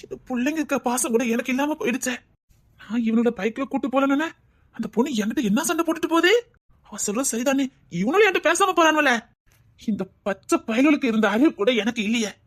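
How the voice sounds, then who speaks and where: A woman plays a grown village uncle who broods and blames himself, with a Tirunelveli Tamil accent, in a homemade comedy skit. The words tumble out fast in a slightly raised voice. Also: high voice. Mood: regretful. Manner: brooding, self-reproaching. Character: regretful grown man, the children's uncle.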